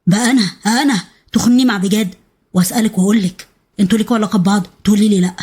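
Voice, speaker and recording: Woman reading an enraged jealous husband, Egyptian accent, rapid-fire, slightly husky, storybook. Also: medium pitch, lightly acted. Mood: furious. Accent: Egyptian Arabic. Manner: shouting accusations, rushed. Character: furious jealous young husband, violent and accusing.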